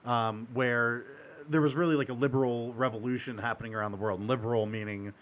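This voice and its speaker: A man co-hosting a podcast, explaining ideas at length with halting restarts. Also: mid-range voice, fairly even intonation, fairly bright tone. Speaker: podcast co-host. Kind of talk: casual chat. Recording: faint background noise.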